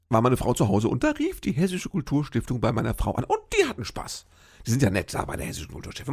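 A man's voice: mid-range voice, vocal fry, slightly rough. A male comedian telling a rambling, self-mocking story in a casual chatty monologue.

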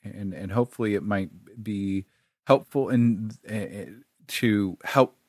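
Podcast co-host, male, lowish voice, halting casual delivery full of fillers, dry close sound. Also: dry recording. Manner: halting, with many fillers and restarts.

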